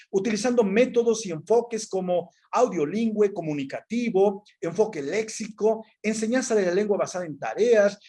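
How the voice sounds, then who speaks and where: A man's voice: sits high, warm tone, breathy edge. A man giving an academic presentation on how language is taught, going through his findings item by item with many fillers and restarts. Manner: methodical, lists items with frequent fillers and restarts.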